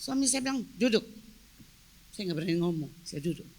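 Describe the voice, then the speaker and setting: A middle-aged woman pastor telling a personal story in a sermon, animated and often addressing the congregation. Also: fairly low pitch, fast talker.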